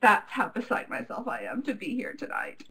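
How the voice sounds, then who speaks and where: A woman's voice: high-pitched, steady tone, slow, sharp tone, heavily acted, poor audio. A woman voicing an effusive, theatrical female alter ego with an over-the-top manner.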